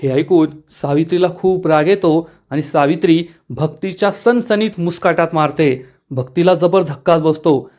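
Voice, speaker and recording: A man's voice: fairly high pitch, normal speed, darkish tone. A man narrating an episode recap of a TV serial in a storytelling manner, talking to his viewers.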